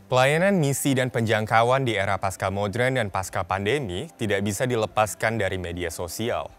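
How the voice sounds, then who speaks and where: A man's voice: on the low side, normal speed, a little hiss or hum. A man reading a scripted, formal introduction to a youth discussion show, with music underneath. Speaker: show narrator. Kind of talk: scripted narration.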